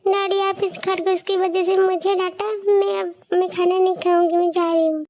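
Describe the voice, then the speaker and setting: A woman's voice: extremely high pitch, little pitch movement, normal speed, a little mellow, voice pushed up. A woman voicing a pampered young woman, a sulky little sister, in a pouty, whiny voice.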